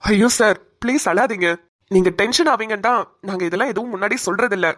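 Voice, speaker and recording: A composed cartoon doctor, voiced by a woman, explains a grave situation in a calm, soothing manner. The voice sits at an ordinary middle pitch. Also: fast talker, natural voice. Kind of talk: cartoon voice acting.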